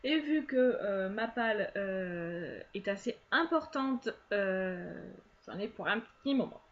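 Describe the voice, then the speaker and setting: A woman's voice: medium pitch, expressive, slow. A young woman chatting to camera about books, full of hesitations and fillers. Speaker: book vlogger. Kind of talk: casual chat to camera. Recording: dull lo-fi sound.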